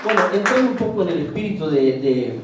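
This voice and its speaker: Over a noisy crowd, a man with a high, sing-song, slightly fast voice tells anecdotes to the audience at a tango event, where he is a guest speaker. He hesitates often and acts out quoted dialogue. He is heard from a distance in a very echoey event hall with faint background noise.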